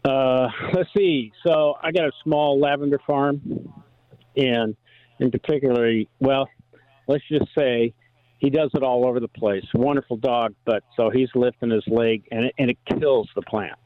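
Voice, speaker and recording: A man phones in to a radio show. His medium-pitched voice comes through a dry, band-limited telephone line. He talks casually, feeling his way through sentences. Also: steady tone, normal speed, dry recording. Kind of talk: casual, halting phone chat. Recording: dull, narrow telephone line.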